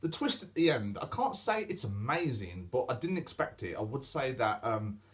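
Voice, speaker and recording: A man's voice: medium pitch, sing-song, moderate pace. Chatty man reviewing films. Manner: chatty, opinionated. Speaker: film reviewer. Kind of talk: casual review vlog.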